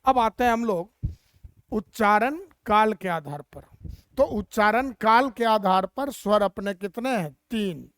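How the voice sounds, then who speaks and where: A woman's voice: medium pitch, measured pace, no room sound. A woman teacher explaining Hindi grammar step by step and asking rhetorical questions as she goes.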